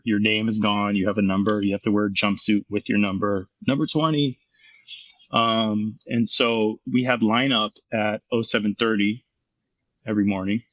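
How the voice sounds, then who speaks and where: A man's voice: on the low side, no echo, highs cut off. A middle-aged man, a former firefighter and paramedic, telling his story frankly and intensely in an interview, swearing freely.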